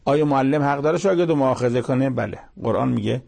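Man, religious teacher, gravelly, husky, short measured phrases, verse-by-verse lesson. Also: mid-range voice, a little mellow. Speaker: Quran commentator.

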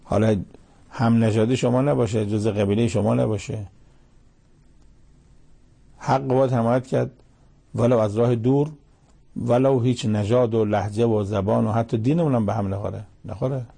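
A man giving a religious commentary lecture in a measured, emphatic way, reciting Arabic verses between his explanations. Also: mid-range voice, steady tone, vocal fry, warm tone, husky. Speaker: Quran commentator.

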